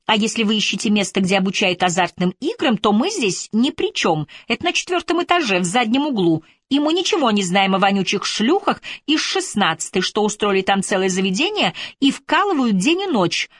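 A woman narrator voicing a shrill, quarrelsome middle-aged housewife who shrieks her excuses. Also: very animated, brisk, few pauses, no room sound, clean studio sound. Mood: shrill indignant.

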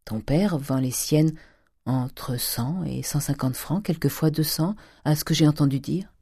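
A woman's voice: sits low, measured pace, dark tone, husky, no room sound, studio quality, heavily acted. A woman reading as a meek pious mother. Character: timid pious middle-aged mother, meek.

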